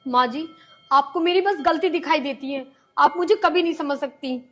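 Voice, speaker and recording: A woman's voice: sits high, normal speed, a bit bright. A woman playing a patient, put-upon daughter-in-law. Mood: pleading. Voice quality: pleading, earnest. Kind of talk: rural comedy drama acting.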